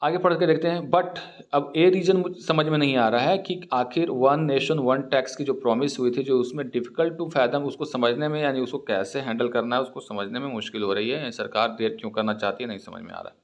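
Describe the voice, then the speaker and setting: A man with an Indian accent, speaking as a teacher at a mid pitch. He reads English sentences out slowly and deliberately, then explains the words in conversational Hindi.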